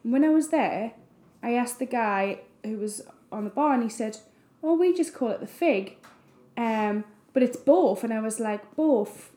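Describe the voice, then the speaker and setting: A young woman chatting casually on a podcast, full of fillers and chatty asides. Her voice sits a bit high, with a mellow, soft tone. The room around her is echoey. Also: expressive, moderate pace. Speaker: wedding photographer, podcast co-host. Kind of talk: casual chat.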